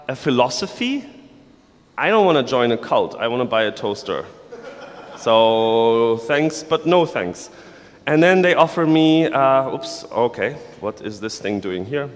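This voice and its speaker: A man's voice: mid-range voice, very animated, a little slow. A man from Germany, giving a playful, sarcastic conference talk to developers. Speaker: conference speaker. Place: large conference hall. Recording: long reverb of a large hall.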